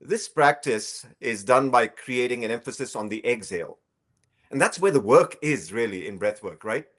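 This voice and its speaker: A man teaching a yogic breathing technique, explaining calmly and slowly, then softly guiding a practice. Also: medium pitch. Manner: calm, slow explanatory teaching with drawn-out phrases; soft guiding instructions during practice. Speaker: breathing instructor. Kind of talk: guided breathing lesson.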